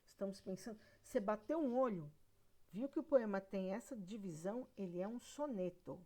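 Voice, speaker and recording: A woman's voice: mid-range voice, moderate pace, dark tone. A female literature teacher with a Brazilian Portuguese accent giving a recorded lesson, explaining step by step, counting syllables aloud and checking in with her students.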